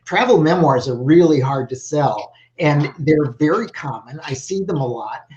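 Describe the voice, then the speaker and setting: An older man, a literary agent, giving halting, rambling feedback on a video call from a home office. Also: on the high side, expressive, darkish tone, a little hiss or hum. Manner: halting, lots of 'you know' and restarts. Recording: dull lo-fi video call audio.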